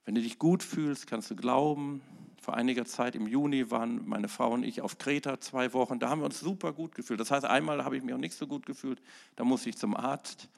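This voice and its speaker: A middle-aged male pastor preaching a sermon, swinging between emphatic loud peaks and quiet asides. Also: mid-range voice, brisk, creaky.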